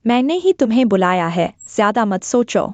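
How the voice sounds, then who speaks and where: A woman's voice: on the high side, very animated, moderate pace, a little mellow, no room sound, highs cut off. A woman playing a kind young heiress. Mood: gentle. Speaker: rich heiress, female lead. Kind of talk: Hindi dubbed short drama.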